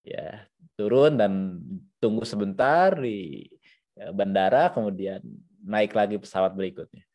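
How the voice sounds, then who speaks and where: This Islamic teacher has a lowish, slightly mellow voice and an Indonesian accent, and he talks a little slowly with frequent pauses. Reading out Arabic phrases, he explains them in a conversational, didactic way, repeating himself and dropping in asides full of checking tags.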